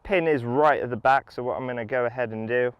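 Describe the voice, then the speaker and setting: A man's voice: mid-range voice, fast, clear, resonant tone, no room sound, dull audio. A man giving an enthusiastic, casual product review while playing a round of golf outdoors. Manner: enthusiastic, upbeat.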